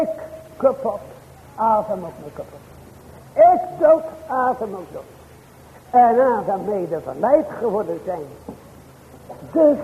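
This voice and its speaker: Man preaching a sermon, high voice swinging up and down, slow and drawn out, old-fashioned church talk, tinny recording with long echo. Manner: preaching with sudden rises and drops in pitch and loudness; old-fashioned formal church language, addresses "mijn hoorders".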